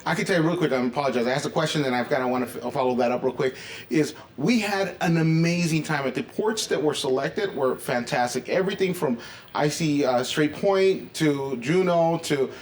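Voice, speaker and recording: Fast-talking upbeat man, higher-pitched voice. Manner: enthusiastic, upbeat. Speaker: interviewer. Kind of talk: casual vlog-style interview. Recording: noisy with ambient background sound.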